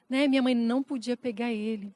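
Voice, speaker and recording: A woman co-hosting a casual podcast chat, telling family stories in a lively, animated way. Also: a little high, fairly quick. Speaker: podcast co-host.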